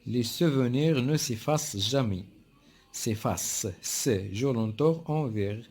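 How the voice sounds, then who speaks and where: Slow, husky man teaching spelling. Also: mid-range voice, darkish tone. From Morocco. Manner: slow, repeats words and letters deliberately. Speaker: primary school French teacher. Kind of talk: spelling lesson, reading words aloud.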